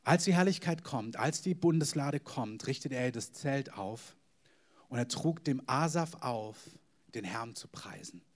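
Male preacher, sermon to a congregation, mid pitch, emphatic, whispered asides. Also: animated, measured pace. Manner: emphatic, swings between loud stresses and whispered asides; addresses the congregation directly.

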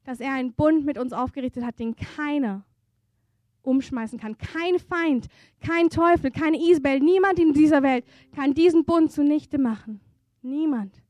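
A woman preaching a sermon at a church service, earnest and intimate, moving between hushed softness and fervent emphasis. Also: high voice, normal speed, no echo.

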